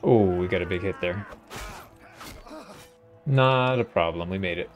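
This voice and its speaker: With soft music playing behind him, a man speaks in a low, unhurried voice while hosting a game playthrough. His commentary is relaxed and casual, as if he's thinking out loud.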